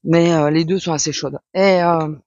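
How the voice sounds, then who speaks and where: A woman's voice: low voice, steady tone, normal speed, darkish tone, dry recording. A woman vlogger rambling casually and explaining crafts, with many fillers and restarts. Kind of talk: casual chat. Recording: dull lo-fi sound.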